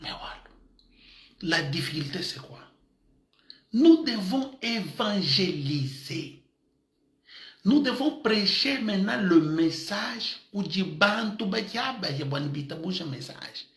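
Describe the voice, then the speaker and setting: A man preaches with animated energy, laughing often and dropping African words into his sermon. His voice sits slightly high and rings bright and forceful. The sound is roomy, with echo around him. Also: slow pace. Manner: lively, mixes in Lingala and Tshiluba words, laughs often. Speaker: pastor. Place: church in Madrid.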